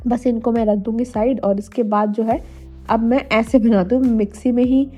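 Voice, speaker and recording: Chatty young woman, slightly hoarse. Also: a little high, fairly even intonation, normal speed, warm tone. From India. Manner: chatty, addresses viewers directly. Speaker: homemaker vlogger. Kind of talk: casual cooking vlog voice-over. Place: voice-over, not recorded in the pictured kitchen. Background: faint music.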